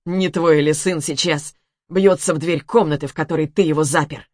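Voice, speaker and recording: A woman voicing a poisoned rich man who shouts and curses in a weak, wheezing voice. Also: steady tone, moderate pace, no echo, studio quality, close to an everyday voice. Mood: scornful boasting. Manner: shrill shouting, cursing.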